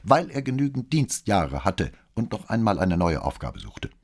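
A man's voice: lowish voice, sing-song, moderate pace, husky. A man playing a haughty young cadet. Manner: haughty, curt, irritated. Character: arrogant young male military cadet.

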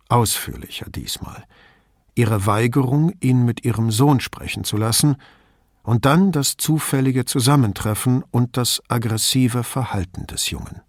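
A man narrating an audiobook in an even, measured reading style. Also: mid-range voice, no echo, clean studio sound.

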